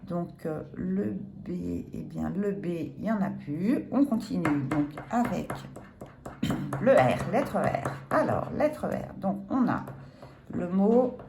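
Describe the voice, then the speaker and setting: A woman's voice: lowish voice, expressive, slow pace, vocal fry, a little mellow, slight background noise. A woman scratching a lottery ticket on camera, chatting casually and laughing at herself apologetically. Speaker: lottery scratch card vlogger. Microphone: phone or camera filming the ticket.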